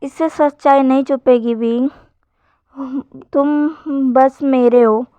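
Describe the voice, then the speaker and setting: A woman's voice: sits high, steady tone, slow, clear, resonant tone, no room sound. Woman reads possessive schemer, young man, plain storybook delivery, dry and muffled. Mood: pleading. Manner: read in a plain narrating voice, softer when plotting. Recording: dull lo-fi sound.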